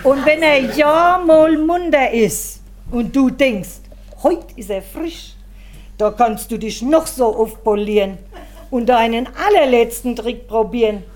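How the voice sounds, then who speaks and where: A woman delivering a rhymed comic monologue in a wry, deliberate way. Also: on the high side, a little mellow. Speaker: comedian. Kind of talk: rhymed comic monologue about her husband.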